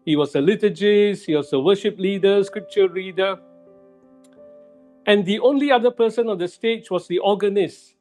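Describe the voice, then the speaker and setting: High-voiced male pastor preaching slowly. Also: a little mellow, faint music behind. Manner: slow, deliberate preaching with repeated emphasis. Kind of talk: sermon. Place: church sanctuary.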